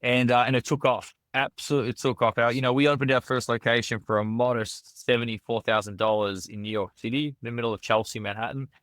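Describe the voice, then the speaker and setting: A man's voice: mid-range voice, steady tone, quick pace, hardly any pauses, a bit bright, no echo. Australian man, dry close sound. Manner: earnest, with frequent fillers and repeated words. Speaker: restaurant founder, guest. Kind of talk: casual podcast interview.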